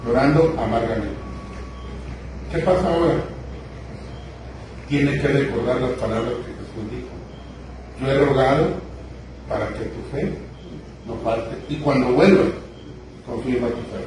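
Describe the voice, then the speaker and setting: Preacher in an echoing hall. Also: male voice, medium pitch, unhurried, long pauses. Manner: storytelling, emphatic, with repetitions. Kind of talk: sermon. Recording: echoey hall, distant mic, noisy.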